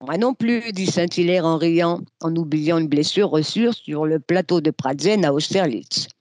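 A reader narrating a historical novel aloud in a measured, expressive way. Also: mid-range voice, no echo. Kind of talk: literary reading aloud.

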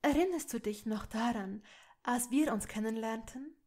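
A woman voicing a gentle, earnest noblewoman and mother in a fan fiction audiobook, pleading softly. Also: on the high side, moderate pace, close to an everyday voice.

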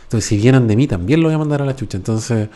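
A man's voice: medium pitch, quick pace, warm tone. Chilean man, 40s, podcast host at home, slangy, swears a lot, keeps asking the listener if they follow. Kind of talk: casual chat. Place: at home, indoors. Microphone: podcast microphone.

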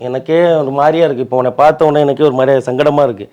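A man's voice: mid-range voice, fairly even intonation, very fast, mellow, lo-fi sound. A man in a comic sketch, pleading and putting himself down in a whiny way. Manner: pleading, self-deprecating, whiny. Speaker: comedy prank performer.

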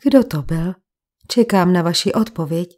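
A woman voicing an angry young woman who insists on answers, sharp and ironic, in a crime audiobook. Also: lowish voice, natural voice. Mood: insistent.

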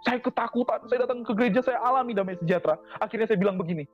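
A man's voice: extremely high pitch, very fast. A man giving a personal testimony to a congregation, speaking earnestly and repeating his phrases for emphasis. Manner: repetitive, earnest, heartfelt phrasing. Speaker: convert giving a church testimony. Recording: dull lo-fi recording with faint music.

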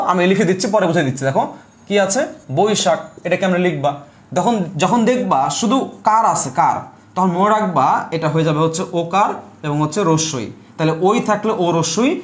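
A man's voice: high voice, reverberant. A man teaching an online class. He repeats each rule and keeps checking whether students understood. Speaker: Bengali language teacher.

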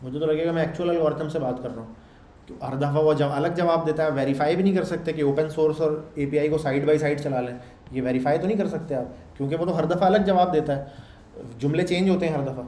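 A man's voice: fairly high pitch, fairly even intonation, fast talker, warm tone. A male programming instructor giving a casual, conversational lecture and mixing English technical phrases into his talk. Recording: echoey room with faint background noise.

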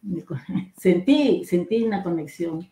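Older Peruvian woman, mellow and echoey. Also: fairly low pitch, slow pace. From Peru. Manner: retells her story with lively acted dialogue and laughs. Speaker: guest writer. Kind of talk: casual storytelling interview.

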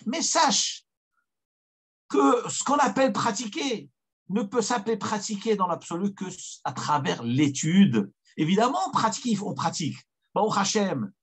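A man's voice: sits high, animated, measured pace, fairly bright tone, breathy edge. A man, a rabbi, giving a weekly Torah lesson in an emphatic storytelling way, repeating key phrases for weight.

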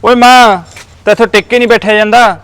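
A man's voice: high-pitched, fairly even intonation, fairly quick, fairly bright tone, clear, resonant tone. A man playing an exasperated husband caught between his wife and his mother, bickering with both. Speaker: husband and son. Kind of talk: village comedy drama.

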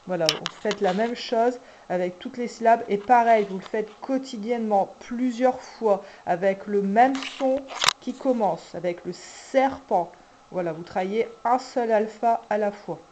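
Kindergarten teacher, woman, patient and mellow, stretches syllables, slow delivery. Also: mid-range voice, slight background noise. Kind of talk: instructional video for parents.

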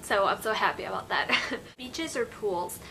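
A woman's voice: mid-range voice, lively intonation, normal speed, creaky, sharp tone, slight background noise, rough recording. A woman in her twenties from Peru, chatting casually to camera about summer, with lots of "like" and "you know". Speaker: beauty vlogger. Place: bedroom, indoors. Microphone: camera in front at close range.

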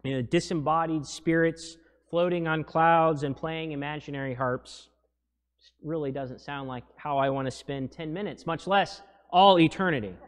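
Male pastor in his forties, high voice, slow emphatic preaching, echoing church. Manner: earnest, emphatic preaching with rising conviction. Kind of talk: sermon. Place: church chancel. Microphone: stand mic at lectern. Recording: long church reverb.

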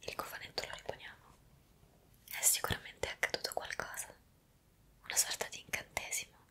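Speaking fairly quickly with a sharp tone that stays close to her everyday voice, a young adult woman whispers an ASMR roleplay right by the mic. She plays a bewildered young woman magically carried back in time, hesitant and full of wonder.

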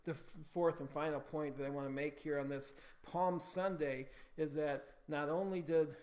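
A man's voice: a little high, fairly even intonation, normal speed, darkish tone. A man preaching a sermon as pastor in a church, building emphasis and calling for amens. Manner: preaching with rising emphasis, calls for amen.

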